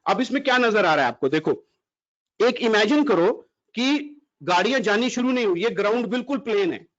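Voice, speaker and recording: A man giving an animated online motivational talk and quizzing his audience. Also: sits high, normal speed. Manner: animated, mixes Hindi and English, quizzes the audience. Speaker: motivational speaker. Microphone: computer mic in an audio-only video call. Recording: dull lo-fi audio.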